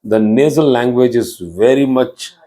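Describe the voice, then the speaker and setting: Here a middle-aged man teaches astrology in a recorded online class, his mid-range voice warm and unhurried and his accent South Indian English. The delivery is explanatory, with repeated words, restarted phrases and plenty of "you know."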